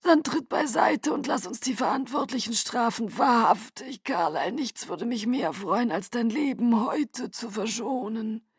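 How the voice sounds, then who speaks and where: A woman voicing an ancient male vampire leader with a thin, breathy, sugary voice that drawls slowly and menaces. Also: on the high side, lively intonation, dry recording, studio quality, voice pushed up, heavily acted. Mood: silkily menacing. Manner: slow, honeyed, quietly threatening.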